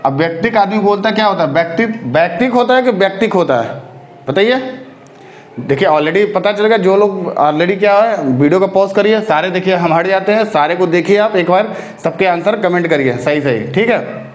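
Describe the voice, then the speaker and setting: A man with a high-set voice teaches a spelling lesson for exam candidates. He repeats each word several times and keeps checking that his students follow along. The sound carries a noticeable room echo. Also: expressive, normal speed. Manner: drills correct forms, repeating words with frequent check-ins.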